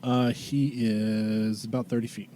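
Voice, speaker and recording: Brief: male game master, mellow dark tone, relaxed narration with rules checks, faint background hiss. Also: lowish voice, unhurried. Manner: easygoing, checks rules aloud.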